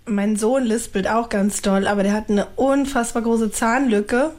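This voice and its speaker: A woman's voice: a little high, fairly even intonation, measured pace, darkish tone. A woman in her thirties chatting casually as a mother, often laughing as she talks. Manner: chatty, laughs while talking. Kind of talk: casual chat.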